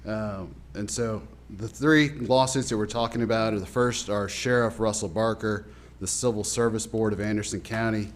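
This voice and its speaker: A man with a voice affected by illness, giving a measured, formal legal briefing as an attorney at a public meeting. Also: lowish voice, steady tone. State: under the weather, voice affected by illness. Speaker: county's attorney briefing officials.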